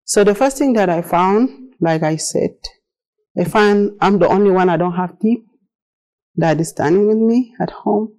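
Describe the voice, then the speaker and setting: Her medium-pitched, slightly mellow voice moves at a measured pace as she gives a personal presentation. The speaker is a middle-aged South Sudanese woman whose native languages are Arabic and Dinka, and she speaks earnest, simple English with a South Sudanese accent. The audio is poor.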